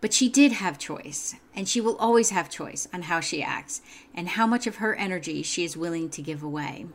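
A woman host reading her own self-help writing aloud in a calm, measured, earnest way. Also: on the low side.

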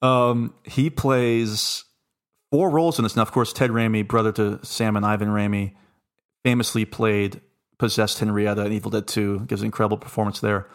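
A man's voice: lowish voice, little pitch movement, moderate pace. A man hosting a casual film discussion, talking in an enthusiastic, jokey way. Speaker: podcast host.

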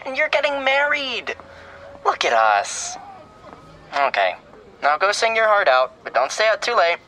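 An actor playing a sentimental, teasing young American younger brother in a naturalistic audio drama. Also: male voice, sits high, big pitch swings, unhurried, bright, forceful tone, a little hiss or hum, full character voice, rough recording. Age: young adult. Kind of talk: scripted audio drama, phone conversation.

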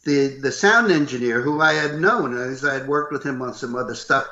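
An older man with a loud, gruff voice, telling animated stories as a voice actor being interviewed. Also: medium pitch, moderate pace. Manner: animated, acts out what others said. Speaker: voice actor guest. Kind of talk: interview storytelling. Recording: roomy, slightly dull recording.

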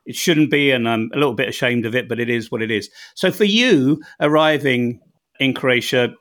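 A man's voice: mid-range voice, moderate pace, a bit bright. A man with an English accent hosting an interview, asking probing questions with a self-deprecating touch. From England. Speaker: podcast host. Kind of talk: interview conversation.

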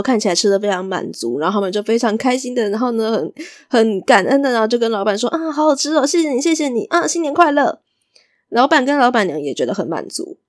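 A woman tells a story in a relaxed, chatty podcast style. She lifts her voice whenever she slips into the characters. The recording is dry and close, with no room sound at all. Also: dry recording. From Taiwan. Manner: lively, jumps into higher voices for quoted characters. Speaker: podcast host. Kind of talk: casual storytelling.

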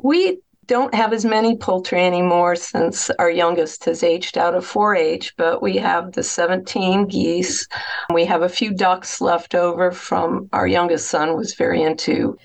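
A middle-aged woman from New England, a guest telling relaxed stories in a casual interview. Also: lowish voice, a little slow, gravelly.

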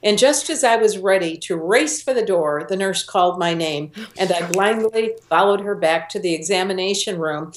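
A woman's voice: medium pitch, moderate pace, hardly any pauses, slight background noise. A middle-aged woman, a guest in an interview, telling a personal story earnestly and voicing the people she quotes. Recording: roomy echo.

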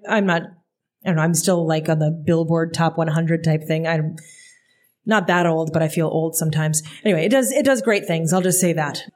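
A woman's voice: low voice, steady tone, a little mellow. Chatty woman co-hosting a live podcast. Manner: chatty, self-deprecating, halting restarts. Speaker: podcast co-host. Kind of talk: casual live podcast banter. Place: brewery venue before a live audience.

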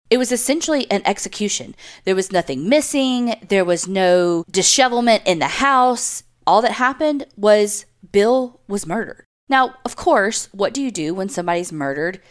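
Woman telling a story, medium pitch. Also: animated, normal speed. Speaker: podcast host. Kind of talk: conversational true-crime storytelling.

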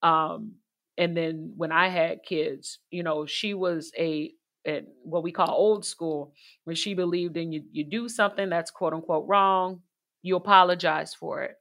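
Middle-aged woman guest, bright voice, easy conversational advice with fillers. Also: lowish voice, steady tone, measured pace. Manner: warm storytelling with light laughs, many fillers. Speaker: parenting expert guest.

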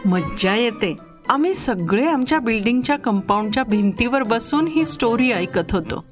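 A woman narrating a children's story, acting out the children's voices with lively shifts. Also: fairly high pitch, normal speed, over music.

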